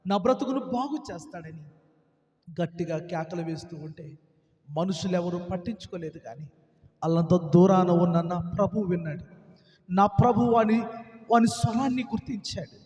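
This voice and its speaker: Male preacher with a Telugu accent, high voice, impassioned sermon in an echoey hall. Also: steady tone, moderate pace, a little mellow, lo-fi sound. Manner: impassioned, calls out to listeners, acts out the voices of the story.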